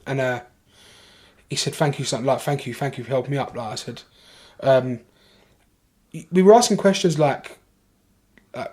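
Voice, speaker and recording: A man with a London accent, a podcast guest telling a long story in a casual way, animated, swearing freely and restarting his sentences. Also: mid-range voice, normal speed, pauses often.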